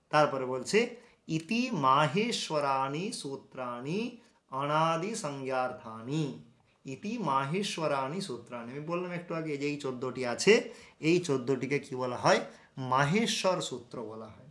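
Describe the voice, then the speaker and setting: A man teaching Sanskrit grammar in an online lesson, who recites each sound slowly and answers his own questions. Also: on the high side, a bit bright, echoey room.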